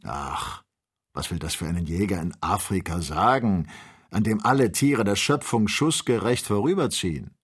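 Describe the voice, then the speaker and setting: A man's voice: deep voice, lively intonation, normal speed, husky. A man reading the part of a keen, amiable male hunter on a balloon expedition. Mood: friendly.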